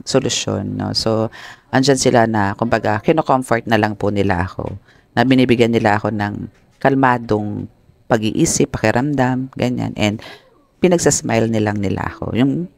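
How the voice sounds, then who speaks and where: A man giving a tarot reading to his viewers, polite and expressive, mixing English phrases into his speech. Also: mid-range voice, vocal fry. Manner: polite, addresses viewers with respectful terms; expressive, exclamatory. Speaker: tarot reader.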